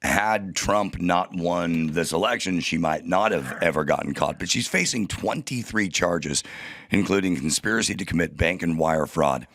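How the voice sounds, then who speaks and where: A man's voice: low voice, moderate pace, fairly bright tone, no room sound, studio quality. A man co-hosting a podcast, reading news items and backing up the host with short agreements.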